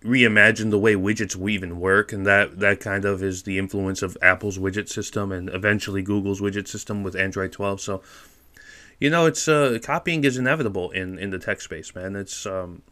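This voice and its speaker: A man co-hosting a tech podcast, giving relaxed, opinionated takes in casual chat. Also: fairly low pitch, fairly quick. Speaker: podcast co-host.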